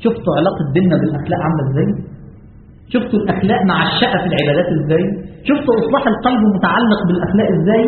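Animated Egyptian preacher in an echoey hall. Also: male voice, high-pitched, a little hiss or hum. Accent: Egyptian Arabic. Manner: animated, rising to emphatic peaks, slow chanted recitation. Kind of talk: mosque lesson sermon. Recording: echoey hall, lo-fi phone-like sound.

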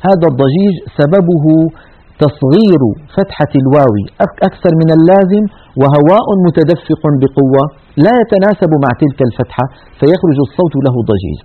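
A man's voice: on the high side, animated, a little fast. A man teaching Quran recitation in an earnest tajweed lesson, demonstrating each sound. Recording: tinny narrow-band radio sound.

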